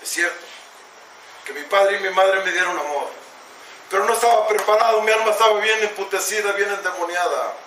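Hombre mexicano de voz aguda y apasionada. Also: male voice, sits high, fairly quick, sharp tone, far from the mic, slight background noise. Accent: Mexican Spanish. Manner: raw, impassioned, swears heavily, addresses listeners as companions. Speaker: speaker sharing his testimony at a recovery meeting. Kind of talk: emotional personal testimony. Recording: echoey hall recorded from afar.

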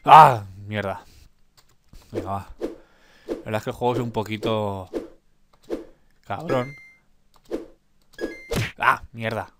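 A man's voice: fairly low pitch, fairly even intonation, measured pace, long pauses, heavy background noise. A man commenting on a mobile game, cursing when he fails and urging himself on to keep playing. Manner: swears in frustration, urges himself on. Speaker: gameplay commentator. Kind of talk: casual gameplay commentary.

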